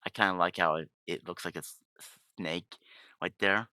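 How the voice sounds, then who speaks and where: A man's voice: sits low, steady tone, normal speed, bright, forceful tone, no room sound. A man hosting casual gaming commentary with a sick voice, rambling along and often correcting himself. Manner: rambling, with frequent self-corrections. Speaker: gaming channel host.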